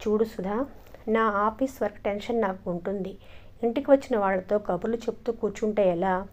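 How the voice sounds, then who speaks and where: A woman voicing an irritable young husband who speaks in a sharp, impatient, sarcastic way. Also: mid-range voice, normal speed, close to an everyday voice. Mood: curt.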